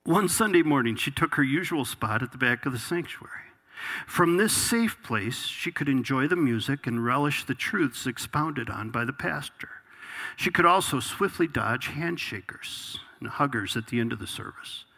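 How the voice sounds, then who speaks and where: Husky-voiced man preaching a sermon. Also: medium pitch, animated, normal speed, bright, forceful tone. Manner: reads a passage aloud, then preaches with rising intensity. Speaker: pastor.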